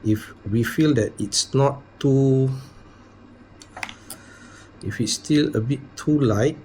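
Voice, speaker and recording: A man's voice: medium pitch, takes it slowly, a little mellow, a little hiss or hum. A man with a Malaysian accent chatting casually in colloquial slang English with clipped phrases and lah particles, as an angler showing how things are done. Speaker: angler demonstrating rigs. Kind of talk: casual fishing tutorial chat.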